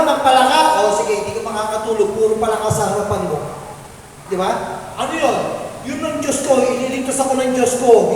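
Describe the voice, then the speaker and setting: A man's voice: extremely high pitch, a little hiss or hum. A middle-aged man, preaching to a prayer meeting and quizzing the crowd with questions. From Philippines. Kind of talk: lively preaching to a congregation. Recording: echoey hall, voice from far off.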